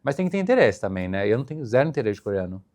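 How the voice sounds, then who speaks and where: Speaking very fast in a lowish voice, this young flight attendant from Brazil chats easily during a relaxed interview. His Brazilian Portuguese accent comes through as he spins lively stories, laughing often.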